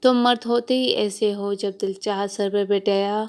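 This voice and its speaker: A woman's voice: mid-range voice, fairly even intonation, clear, resonant tone, lightly acted. A woman reading the lines of a hurt, reproachful young wife in an audiobook novel. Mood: indignant. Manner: pleading, reproachful. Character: wounded, indignant young wife.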